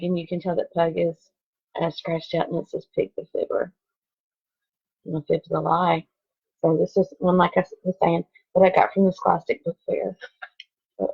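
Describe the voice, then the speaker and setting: This woman's voice sits on the low side with vocal fry and a breathy edge. A second grade teacher, she reads aloud to kids online from a lo-fi home setup, breaking up the expressive story lines with chatty asides.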